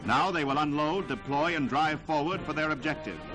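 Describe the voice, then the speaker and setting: A man's voice from an old newsreel soundtrack, narrating wartime footage in a dramatic, declamatory 1940s style. His voice sits fairly high. A loud music score runs underneath him. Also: normal speed, poor audio.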